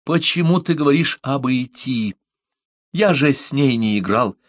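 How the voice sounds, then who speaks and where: A man's voice: medium pitch, lively intonation, a little slow, no echo, studio quality, voice pushed up, close to an everyday voice. A man voicing a flustered young English sailor who answers in startled, indignant exclamations.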